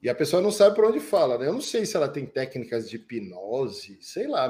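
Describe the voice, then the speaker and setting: A male public speaking coach giving advice in an energetic, emphatic way, often swinging his loudness and pace. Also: fairly high pitch. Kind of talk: instructive podcast talk.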